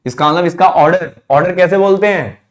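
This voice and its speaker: Male math teacher, somewhat high voice, drills students with repeated questions. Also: brisk. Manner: asks students questions and answers them himself, repeating key terms; calls students "children", drops his voice at answers. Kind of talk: classroom lecture.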